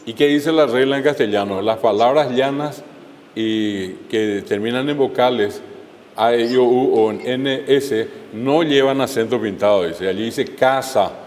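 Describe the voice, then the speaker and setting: Man, language teacher, explanatory, repeats words slowly; recorded with some reverb and faint noise. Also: medium pitch, a little mellow. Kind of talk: classroom lesson with recitation drills.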